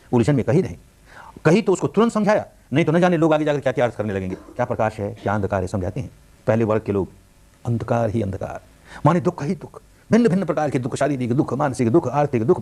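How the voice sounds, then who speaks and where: Older male meditation teacher, brisk and highly animated delivery for a spiritual discourse. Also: gravelly. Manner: animated, rising and falling emphasis, storytelling.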